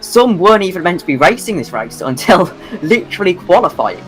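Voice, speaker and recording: Brief: male commentator, running on no sleep, rambling, very animated pitch. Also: a little fast, slight background noise, low-quality recording. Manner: tired, rambling, self-deprecating. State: sleep-deprived. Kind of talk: sim racing commentary.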